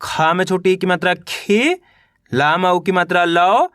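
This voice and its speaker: A man teaching a reading lesson who sounds words out slowly letter by letter and keeps asking how to read them. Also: high voice, steady tone, a bit bright, clean tone, no room sound, clean studio sound. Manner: slow, drawn-out letter-by-letter sounding out, repeats "कैसे पढ़ेंगे?".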